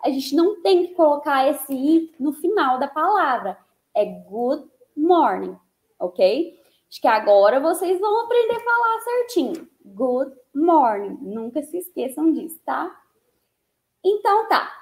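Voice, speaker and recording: A woman from Brazil teaching a live online English lesson, explaining slowly, repeating words and checking in with her listeners. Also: sits high, big pitch swings, darkish tone, echoey room.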